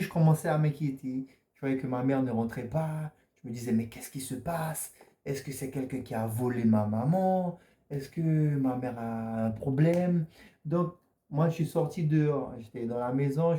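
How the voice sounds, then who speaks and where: A man answers interview questions earnestly, often stumbling and repeating himself mid-sentence. His voice is dark and mellow, and the recording has a roomy echo around it. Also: mid-range voice, normal speed. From French Guiana. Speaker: interview guest.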